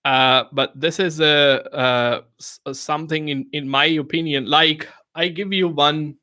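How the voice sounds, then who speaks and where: A man with a fairly high, pushed and bright voice talks at a measured pace, his intonation fairly even. Originally an Urdu speaker, he hosts a live question-and-answer stream with casual business advice delivered in loose, non-native English. Fillers and restarts fill his conversational manner, along with frequent "you know what I mean" checks.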